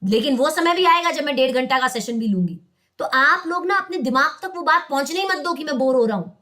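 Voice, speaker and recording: A woman's voice: high-pitched, animated, fairly quick, sharp tone. A young Indian woman teaching law in an online class, mixing English terms into Hindi, quizzing her students and coaxing them as "beta".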